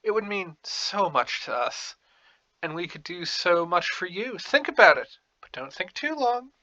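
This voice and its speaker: A man voicing an ingratiating necromancer ambassador from a fantasy game, halting and eager to persuade. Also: high voice, sing-song, bright, forceful tone, dry recording, lo-fi sound, heavily acted.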